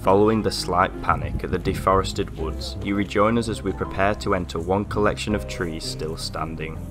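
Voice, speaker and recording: A man reading a scripted documentary voice-over in a measured, formal way. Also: deep voice, music in the background. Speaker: channel narrator.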